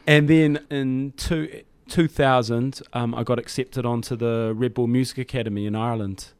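A middle-aged hip-hop DJ and MC with a broad New Zealand accent chats loosely and ramblingly as a guest in a casual studio interview. His voice is clear, resonant, steady and medium-pitched at a moderate pace, and the recording is completely dry with no room sound.

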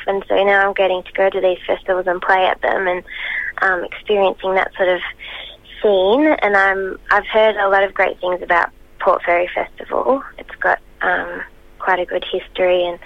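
A woman's voice: medium pitch, no room sound. A woman touring as a singer, talking over the phone in a casual interview, hesitant with many ums and restarts. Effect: heard over the phone. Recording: muffled dry phone line.

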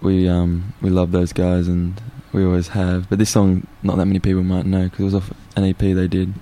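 A man, a musician guest in a radio studio, relaxed and often laughing. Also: sits low, brisk. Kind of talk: casual radio chat.

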